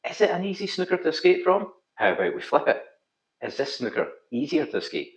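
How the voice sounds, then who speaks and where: Thick-accented Scottish man, lively and melodic. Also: high-pitched, fairly quick, vocal fry. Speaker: pool instructor, video host. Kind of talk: scripted instructional narration. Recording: slightly dull, roomy echo.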